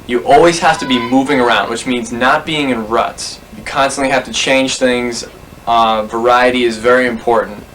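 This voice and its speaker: A man's voice: medium pitch, a bit bright, slight background noise, rough recording. A man telling a personal anecdote to a documentary camera, rambling and correcting himself as he goes. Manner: rambling, self-correcting storyteller. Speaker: interviewee.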